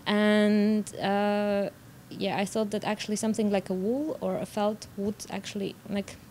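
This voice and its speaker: A woman's voice: mid-range voice, level tone, unhurried, a little mellow. A young woman with a Polish accent giving spontaneous answers in an interview as a student animator. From Poland. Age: young adult. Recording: background noise.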